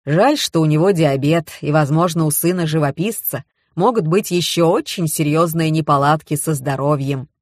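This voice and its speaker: A woman voicing a middle-aged male police colonel who questions calmly, in an audiobook. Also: low-pitched, moderate pace, hardly any pauses, no echo, clean studio sound.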